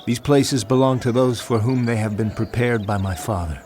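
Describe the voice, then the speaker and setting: An actor playing Jesus, a calm, authoritative male teacher, speaking in a measured, solemn way in a dramatized Bible reading. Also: medium pitch, natural voice. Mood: earnest. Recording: voice over music bed.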